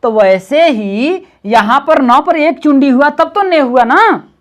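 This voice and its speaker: Woman tutor, slightly high, very animated intonation, patient, drills syllables slowly. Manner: patient, repeats syllables slowly, coaxing and encouraging. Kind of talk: one-on-one reading lesson.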